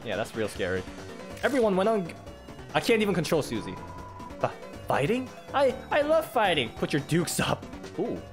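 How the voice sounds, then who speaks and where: A man's voice: on the high side, wildly swooping pitch, normal speed, long pauses. A young man in his twenties doing casual, reactive let's play commentary, exclaiming often and reading game text aloud. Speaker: gaming let's player. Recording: game music behind voice.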